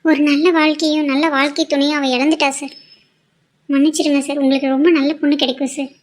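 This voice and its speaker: A woman's voice: high-pitched, flat delivery, quick pace, a little hiss or hum, natural voice. A woman voicing a meek, apologetic young friend. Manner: polite, apologetic, keeps saying sir. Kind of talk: cartoon drama dialogue.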